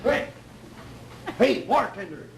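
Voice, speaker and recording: A bumbling, bragging cowboy in a live comedy western. His voice is very high and gravelly, with slow, clownish delivery. It comes from an echoey old stage recording. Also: animated, slight background noise, heavily acted. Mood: blustering. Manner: clownish, breaks character to joke with audience. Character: bumbling boastful cowboy gunslinger in a western sketch. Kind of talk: broad live TV comedy sketch.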